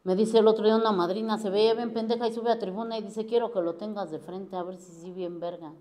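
A woman's voice: mid-range voice, fairly even intonation, fast talker, mellow. Blunt, foul-mouthed Mexico City woman. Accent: Mexico City Spanish. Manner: blunt, crude, heavy swearing, street slang. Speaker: AA member giving testimony. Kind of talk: personal recovery testimony.

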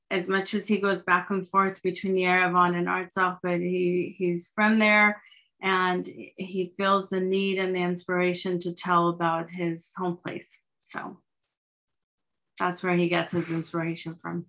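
A woman with a bright, crisp tone speaks on a video call from her home. Her delivery stays flat and even. She pauses with um fillers as she interprets for a director and answers questions. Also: on the low side. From Armenian diaspora, living in Los Angeles. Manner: relaxed, with um fillers. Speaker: producer and interpreter. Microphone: webcam on a video call.

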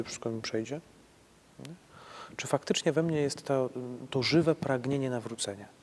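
A man's voice: mid-range voice, darkish tone. A man, a priest, answering questions on faith in a conversational way, restarting his sentences and often ending them with a tag question. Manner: conversational, halting restarts, frequent tag "nie?".

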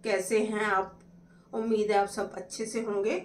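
Slow-talking woman cooking in an echoey kitchen. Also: medium pitch, level tone, distant mic. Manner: chatty, explains each step while cooking. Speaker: cooking vlogger. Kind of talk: casual cooking demonstration. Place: home kitchen. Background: clatter of pots and utensils.

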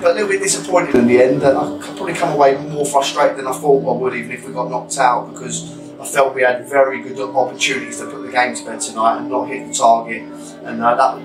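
A London-accented football manager in his thirties reflects on a defeat in a post-match interview, measured and thoughtful with many fillers and restarts. His medium-pitched, level voice comes over music in a small, echoey changing room, picked up by a camera mic a few metres away.

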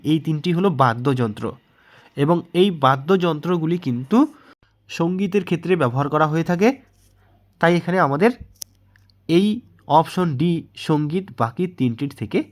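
A man with a Bengali accent, teaching exam prep and patiently walking through mock test answers, asking questions and then answering them himself. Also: fairly high pitch.

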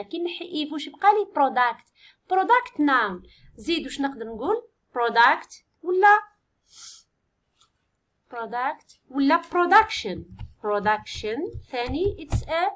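A woman with an Algerian Arabic accent, an English teacher explaining an exam step by step and reading English sentences slowly and clearly. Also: sits high, very animated, a bit bright. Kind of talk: exam-prep lesson, mixing Arabic and English.

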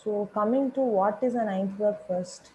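Slow, mellow-voiced Tamil-accented woman teacher. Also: medium pitch, slight background noise, rough recording. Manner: mixes Tamil and English, many fillers and restarts. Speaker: current affairs teacher. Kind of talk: exam revision lecture.

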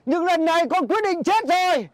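An actor playing a despairing, self-pitying husband who pleads and sobs melodramatically. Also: male voice, extremely high pitch, animated, moderate pace, background noise. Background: music.

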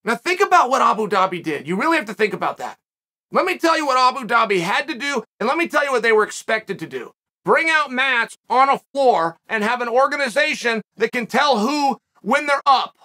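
Forceful ranting male commentator. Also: very high-pitched, big pitch swings, a little fast. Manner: emphatic, ranting, repeats phrases for effect. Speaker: podcast host. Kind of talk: opinion commentary.

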